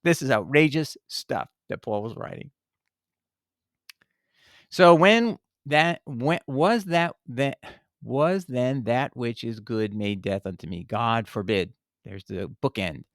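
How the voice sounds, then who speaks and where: A man's voice: mid-range voice, expressive, slow pace, no room sound, studio quality. A man reading scripture aloud and commenting on it in a passionate, indignant way, often restarting his words. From Italian heritage. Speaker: bible commentator.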